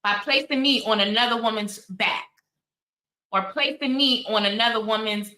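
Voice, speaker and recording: A woman's voice: a little high, moderate pace, sharp tone, reverberant, low-quality recording. A woman in her forties hosting her own channel, chatting candidly and telling stories with many asides. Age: 40s. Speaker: channel host. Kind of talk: casual commentary chat.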